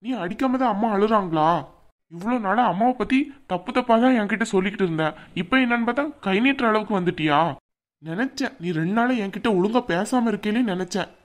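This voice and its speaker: A man's voice: high voice, fast, close to an everyday voice. A man voicing a young husband in a cartoon, pleading with his mother and stern with his wife. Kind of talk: cartoon dubbing.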